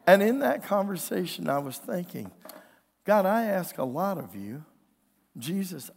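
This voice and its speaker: In a church with long, echoing reverb, a male pastor delivers a folksy, earnest sermon in a conversational style, often asking the congregation for an amen. His fairly high voice is creaky and darkish, and it sounds strained and weakened, with occasional throat clearing.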